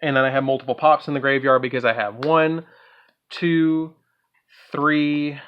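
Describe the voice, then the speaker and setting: A man's voice: fairly high pitch, steady tone, unhurried, clean tone, lo-fi sound. Man casually thinking aloud over a card game. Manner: thinks aloud, talks to viewers, trails off with ums. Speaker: card game content creator. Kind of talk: casual gameplay walkthrough.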